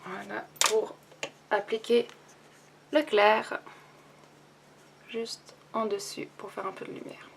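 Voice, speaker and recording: A young woman talking casually through a makeup tutorial and review, thinking aloud with many pauses and restarts. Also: mid-range voice, flat delivery, creaky, slightly rough. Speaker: beauty vlogger.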